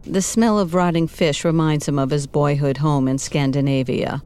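An actress playing a coy, sultry married client in a parody noir audio drama, speaking softly. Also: female voice, sits low, steady tone, normal speed, clear, resonant tone, close to an everyday voice. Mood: plaintive. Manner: soft-voiced, coy.

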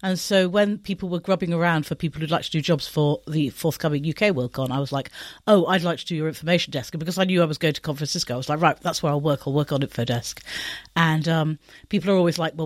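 A woman in her fifties, a guest on a podcast, telling anecdotes in a brisk, casual way. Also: low voice, dry recording, clean studio sound. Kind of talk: casual conversational chat.

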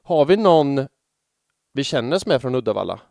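A man's voice: medium pitch, very animated, vocal fry, a little mellow, no room sound, clean studio sound. A man hosting a podcast in casual chat, rambling and poking fun at himself. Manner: chatty, rambling, self-mocking. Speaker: podcast host.

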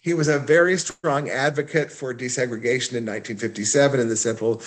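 A man's voice: medium pitch, steady tone, fast talker. A man who is a rabbi, answering interview questions in a thoughtful way, often repeating words as he gathers his thoughts.

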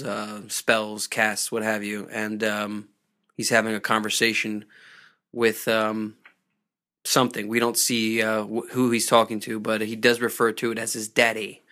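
A man hosting a casual podcast, rambling and animated as he recaps a TV episode. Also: lowish voice. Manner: rambling, animated, does quick impressions of characters. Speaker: podcast host.

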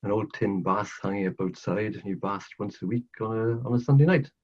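Speaking a little fast in a voice on the low side, this older Welshman from South Wales earnestly recounts his life on a podcast, repeating phrases to stress them. It's a casual storytelling interview captured in dull lo-fi sound.

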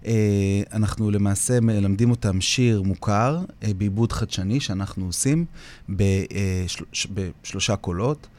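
Earnest low-voiced Israeli man. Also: a little mellow. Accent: Israeli Hebrew. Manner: earnest, repeats phrases for emphasis. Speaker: founder of a community singing project. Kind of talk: interview, reflective talk.

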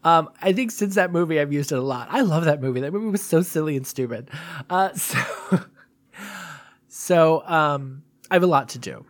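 Guy podcaster rambling casually, really lively pitch, dry close sound, pokes fun at himself. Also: moderate pace, no echo. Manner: animated, rambling, self-deprecating. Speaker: podcast host. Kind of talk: casual, confessional solo chat.

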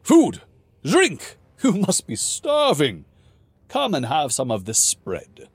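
High, loud, jolly dwarf king, storybook reading. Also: a little slow, husky, dry recording, heavily acted. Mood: eager host. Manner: booming, exuberant, excitable. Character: boisterous jovial male dwarf king.

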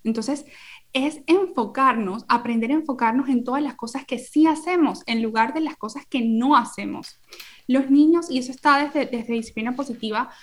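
A woman's voice: sits high, moderate pace. A woman in her thirties, a parenting educator and podcast guest, explaining earnestly through everyday examples.

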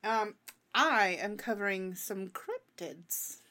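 A woman's voice: medium pitch, expressive, slow pace, bright, forceful tone. A woman co-hosting a podcast in casual, giggly, teasing banter. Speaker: podcast co-host. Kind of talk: casual chat.

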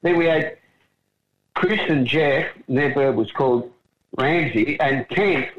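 A man's voice: mid-range voice, slow pace. An Australian man co-hosting a casual chat in a rambling, hesitant, matey way, recorded with dull lo-fi sound. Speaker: co-host.

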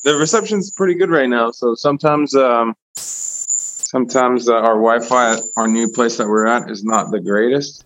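A man's voice: mid-range voice, moderate pace, rough recording. A man chatting casually and informally on a remote call from outdoors at night, with crickets audible. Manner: informal, swearing. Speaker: podcast guest, musician. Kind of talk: casual chat. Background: loud crickets at night while outdoors.

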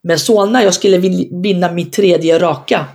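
A woman's voice: on the low side, gravelly. A woman, a former basketball player, telling her story in an interview with frank emphasis and acting out past conversations. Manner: animated, acts out past dialogue in her stories.

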